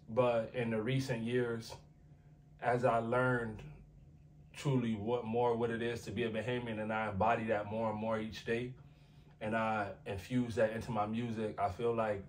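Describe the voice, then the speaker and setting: With a fairly low pitch, a young American man who raps chats easygoingly in an interview, heavy on slang and filler such as "like" and "you feel what I'm saying." He's recorded far from the mic, and a little background noise comes through.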